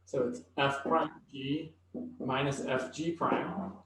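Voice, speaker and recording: A man's voice: mid-range voice, fairly even intonation, slow pace, background noise. Male math instructor, thinks aloud while writing, very echoey room, far from the mic. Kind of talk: recorded classroom lecture.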